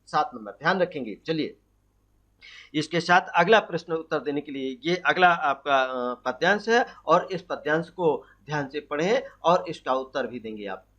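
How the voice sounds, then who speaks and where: A man's voice: a little high, lively intonation, fairly bright tone. A man teaching a Hindi poetry lesson for exam prep, quizzing students and answering his own questions. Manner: asks questions and answers them himself; recites verse slowly. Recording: dull lo-fi audio.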